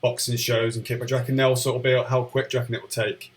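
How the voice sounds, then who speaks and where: A man's voice: mid-range voice, little pitch movement, very fast. A man hosting a podcast, asking questions in a casual chat with many hesitant restarts. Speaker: podcast host.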